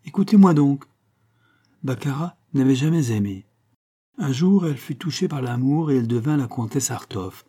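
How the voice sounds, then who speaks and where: A man's voice: mid-range voice, expressive, normal speed, dark tone, breathy edge, voice pushed up. A man voicing a scheming woman posing as a countess in an audiobook, speaking in a theatrical, pleading manner. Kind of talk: audiobook character reading.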